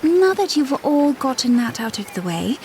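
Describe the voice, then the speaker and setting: Lady doing young fantasy princess, high swoopy voice, earnest n exasperated, audiodrama w noisy background. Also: sing-song, moderate pace, a little mellow. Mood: vexed disbelief. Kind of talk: cinematic fantasy audio drama acting.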